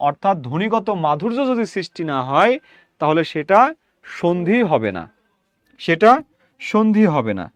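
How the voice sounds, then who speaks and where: A man teaching a class, repeating words aloud slowly and often asking his listeners whether they follow. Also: high-pitched, very animated, no echo. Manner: addresses listeners directly with questions. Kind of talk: classroom lecture.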